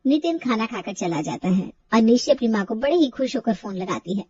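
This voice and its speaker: A woman narrating a storybook cartoon with lively, animated delivery. Her voice sits high, and the recording is dry, dull and slightly off-mic. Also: brisk, slightly rough, no echo, distant mic.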